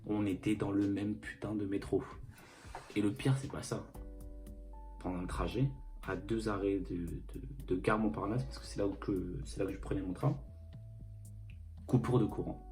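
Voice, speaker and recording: A man's voice: fairly low pitch, fairly even intonation, moderate pace, pauses often, a little mellow. A young man vlogs casually into a phone camera, swearing freely and joking as he rambles. His speech is loose and full of fillers. Faint guitar music plays in the background. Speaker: vlogger. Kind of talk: casual storytime and clothing haul.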